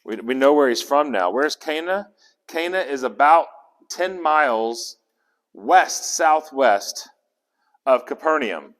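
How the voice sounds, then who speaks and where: Animated yet unhurried, a man with a mid-range voice leads a Bible study conversationally. He puts questions to the group and restarts words, and the recording carries a hall's long echo.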